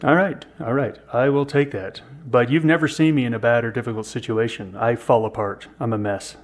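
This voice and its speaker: A man in his fifties with an average-pitched voice, co-hosting a podcast. He chats casually, jokes around and pokes fun at himself. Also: steady tone, a little fast. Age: 50s. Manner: self-deprecating, joking. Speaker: podcast co-host.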